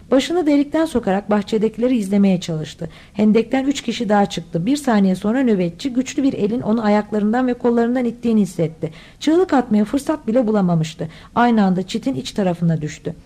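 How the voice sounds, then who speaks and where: A woman's voice: a little high, dark tone. A woman reading a children's adventure novel aloud as an audiobook, voicing all the characters herself. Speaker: audiobook reader. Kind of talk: scripted audiobook narration.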